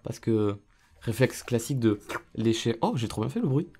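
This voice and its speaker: A man from France giving excitable, chatty let's play commentary, reacting aloud to a video game. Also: mid-range voice, moderate pace, breathy edge. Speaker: gaming video creator.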